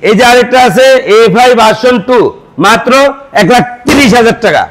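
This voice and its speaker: A man with a Bangladeshi Bengali accent giving a used motorbike sales pitch, reeling off features and prices item by item. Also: moderate pace, background noise.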